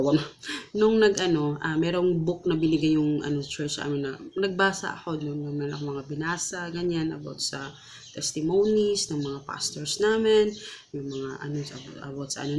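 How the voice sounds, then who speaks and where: A woman's voice: on the low side, darkish tone, a little hiss or hum. A woman vlogger with a Visayan accent telling a personal story in a casual, earnest way, full of fillers and restarts. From Visayas, Philippines.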